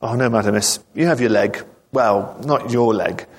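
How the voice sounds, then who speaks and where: A man's voice: lowish voice, moderate pace, a little hiss or hum, close to an everyday voice. Man playing a flustered, polite young clerk. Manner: stammering, apologetic courtesy.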